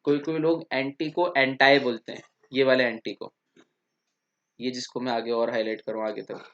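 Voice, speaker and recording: Explaining English vocabulary step by step in a classroom lecture, an Indian-accented teacher speaks at a moderate pace in a fairly bright, mid-range voice with little pitch movement. He frequently asks "theek?" to check on his students, and the recording is dull and lo-fi.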